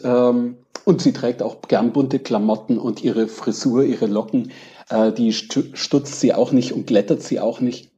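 A man answering casually as a guest, reflective and pausing now and then to search for words. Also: mid-range voice, dark tone. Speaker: podcast guest, crime novelist. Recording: dull, lo-fi connection.

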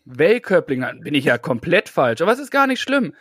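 A man's voice: fairly high pitch, very animated, a little fast, a bit bright, slightly rough, no echo, studio quality, heavily acted. A man playing a mock-earnest tenant or surveyor in an improvised comic phone role-play, formal, polite and a little hesitant. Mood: officious.

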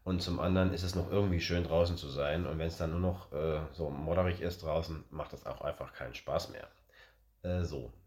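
A man's voice: rumbling low, fairly even intonation, fairly quick, a little mellow. A man hosting a casual family podcast, rambling and hesitant with many fillers. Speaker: podcast host, father.

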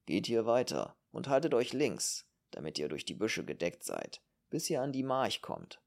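A man's voice: mid-range voice, wildly swooping pitch, moderate pace, creaky. A man voicing a matter-of-fact male border guard in an audiobook.

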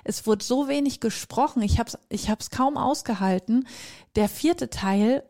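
A woman's voice: on the high side, unhurried, warm tone. A woman in her thirties co-hosting a podcast, rambling and exasperated in casual chat, laughing often. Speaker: podcast co-host.

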